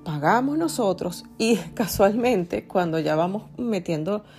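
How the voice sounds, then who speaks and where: A woman's voice: mid-range voice, animated, measured pace, a little mellow, faint music behind. A woman podcast host, telling a story in a chatty, confiding way and speaking straight to her listeners. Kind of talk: casual storytelling.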